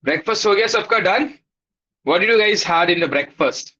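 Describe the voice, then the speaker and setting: A man's voice: high voice, expressive, moderate pace, pushed and bright, husky. A man with an Indian accent teaching a live online class, greeting schoolchildren by name in an upbeat, encouraging, casual way. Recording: dull, lo-fi online class audio.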